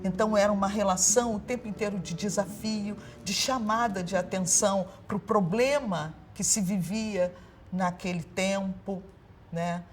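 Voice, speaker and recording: A woman in an interview, reflecting passionately and pausing to search for words. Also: mid-range voice, fairly even intonation, faint music behind.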